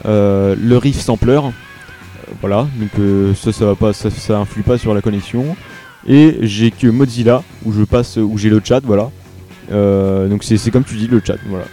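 A young man from France chats live on his web radio show, stumbling through fillers and restarts as he talks. His voice is mellow and warm, and faint music plays softly behind him. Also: on the low side, steady tone, normal speed. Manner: hesitant, many fillers and restarts. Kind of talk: casual live radio chat.

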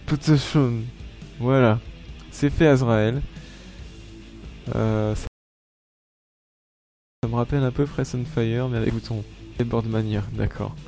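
A man's voice: mid-range voice, fairly even intonation, a little slow, long pauses, dark tone, soft background music. A man hosting a live radio show, chatting casually between songs with many hesitations and restarts. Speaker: web radio host.

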